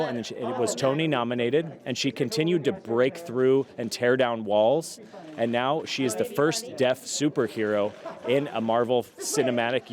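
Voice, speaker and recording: A man speaking in a red carpet interview. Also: medium pitch.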